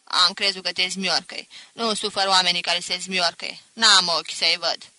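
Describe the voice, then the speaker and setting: A woman reading an audiobook voices a stern, sharp-tongued grandmother of ninety who barks scolding commands. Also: on the low side, flat delivery, no echo.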